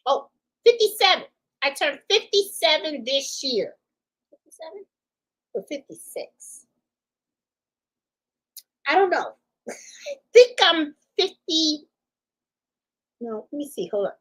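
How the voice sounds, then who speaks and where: A woman's voice: high-pitched, sing-song, slow, pauses often, poor audio. A woman in her fifties hosting a casual livestream, chatting in a rambling way, laughing easily and answering viewer comments. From Puerto Rico. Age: 50s. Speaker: livestream host.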